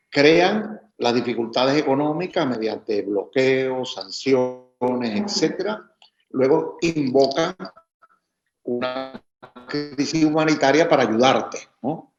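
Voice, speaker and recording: A man from Venezuela, a former ambassador, explaining his view in a measured way over a video call. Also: medium pitch, music in the background. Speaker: former ambassador, interview guest. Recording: roomy, dull lo-fi video call audio.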